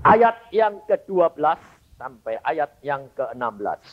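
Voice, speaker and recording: A man's voice: fairly high pitch, a little slow. Give me a man preaching with lots of rhetorical questions, on a dull lo-fi recording. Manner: animated storytelling, rhetorical questions to the congregation. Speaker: evangelist preacher. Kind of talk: sermon.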